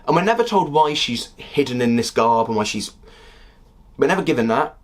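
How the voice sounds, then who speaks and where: A young man in his twenties with a husky voice, talking through a casual critique of a TV series in a heated, exasperated way. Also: mid-range voice, lively intonation, moderate pace. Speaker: video critic.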